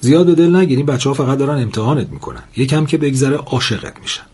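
Man voicing a veteran teacher, kindly, reassuring, very husky. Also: mid-range voice, animated, darkish tone, pitched above the performer's own voice. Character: seasoned older male teacher, kindly.

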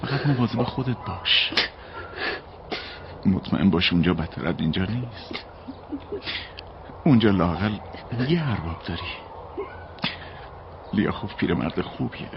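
An actor dubbing a young servant man who calms his tearful sweetheart with quiet resignation. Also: sits low, long pauses. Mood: resigned. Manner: soothing, resigned. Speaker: dub actor. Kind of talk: dubbed period drama. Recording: dull audio with steady hiss.

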